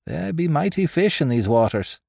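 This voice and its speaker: A man voicing a gruff, jovial pirate gunner who talks in a boisterous, swaggering way. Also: fairly high pitch, big pitch swings, moderate pace, darkish tone, no echo, clean studio sound, voice pushed up, exaggerated voice.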